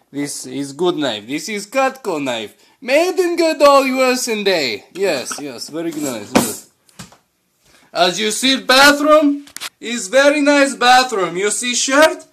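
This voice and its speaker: A man playing a proud Russian homeowner, showing off his house in broken English with a put-on Russian accent and a deadpan, boastful manner. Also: high voice, slow, full character voice. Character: proud Russian man giving a home tour. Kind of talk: comedic home tour video.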